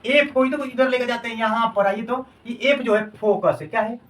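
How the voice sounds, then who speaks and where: A man's voice: very high-pitched, normal speed, fairly bright tone, distant mic, poor audio. A man teaching a classroom science lesson. He repeats each term as a question and then answers it, and calls his students "babu".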